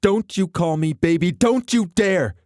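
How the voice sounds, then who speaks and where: A man voicing a furious, heartbroken young woman who shouts with a cracking voice in a romance audiobook. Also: fairly high pitch, animated, normal speed, dry recording, clean studio sound, pitched above the performer's own voice, natural voice.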